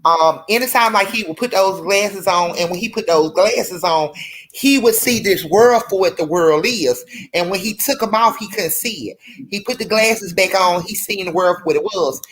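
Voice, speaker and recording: A woman's voice: mid-range voice, moderate pace, a little hiss or hum, low-quality recording. A woman hosting a casual livestream, rambling and speaking straight to her viewers. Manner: rambling, addresses viewers as y'all. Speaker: livestream host.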